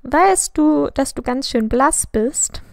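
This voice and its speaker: A woman's voice: high-pitched, animated, takes it slowly, creaky, dry recording, studio quality, exaggerated voice. A woman voicing a bubbly, gossipy teenage schoolgirl who chatters chirpily and prods her friend. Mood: chirpy.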